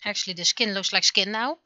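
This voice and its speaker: With a mid-range voice that sounds pushed and bright, the digital artist chats in loose fragments during her drawing livestream. The audio is dull.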